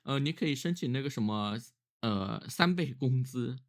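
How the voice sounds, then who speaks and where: A man's voice: mid-range voice, lively intonation, normal speed. A man who is ill with a cough, talking casually and reflectively on his own in a weary, musing way, as a solo vlogger.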